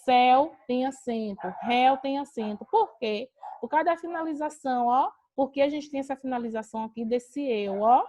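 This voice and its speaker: A woman from Brazil teaches a grammar lesson online, her voice sitting a little high. She explains each rule patiently, posing a question and then answering it herself. The sound is that of a video call. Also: normal speed, hardly any pauses, darkish tone.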